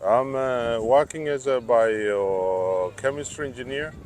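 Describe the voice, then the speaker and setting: A man's voice: mid-range voice, slow, darkish tone, a little hiss or hum. A middle-aged man with a Tanzanian accent, giving hesitant answers in a casual street interview and searching for his words. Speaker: interviewee, biochemical engineer.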